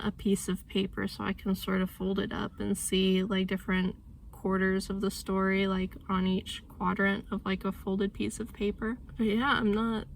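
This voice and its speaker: A woman in her thirties chats casually in a vlog about her writing, rambling and thinking aloud. She's sick and congested, her medium-pitched voice gravelly and going, with a little hiss or hum in the background.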